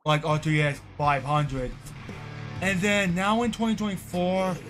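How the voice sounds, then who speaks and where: Game music sits behind a high, slightly bright voice as a man in his twenties chats with his stream while playing. He talks a little slowly with fairly even intonation, rambling, repeating himself, and flashing short bursts of frustration.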